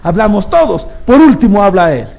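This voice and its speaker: Lively high-voiced male preacher. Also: a little fast, vocal fry. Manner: animated storytelling, acting out quoted people; asks the congregation direct rhetorical questions. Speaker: lay preacher. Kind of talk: sermon.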